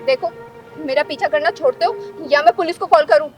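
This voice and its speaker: A woman's voice: high voice, fairly quick, faint music behind, natural voice. A woman playing an anxious schoolgirl who is harassed and pleads with her father. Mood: firm. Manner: pleading, distressed.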